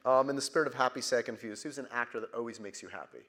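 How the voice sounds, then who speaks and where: A man's voice: medium pitch, rapid-fire, fairly bright tone. A male podcast host interviewing a guest live on stage, teasing and laughing often. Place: theater stage before a live audience.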